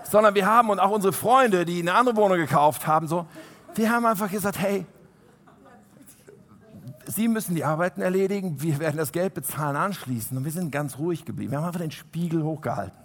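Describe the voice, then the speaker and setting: A man preaching a sermon to a congregation. He is animated, swinging from loud emphasis to soft, quiet asides. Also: sits high, fast. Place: church hall. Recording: long hall reverb.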